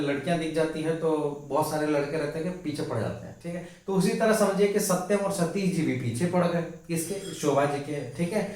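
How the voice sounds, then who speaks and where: A male teacher giving an exam-prep lesson, repeating key words and asking the class rhetorical questions. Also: fairly high pitch. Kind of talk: Hindi exam-prep lesson with memory tricks. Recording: very echoey room, mic at a distance.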